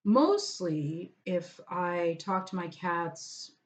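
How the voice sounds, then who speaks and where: A woman's voice: lowish voice, animated, extremely slow. A woman vlogging at home, chatting casually and meandering over her lunch. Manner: chatty, meandering, talks to her cat aside.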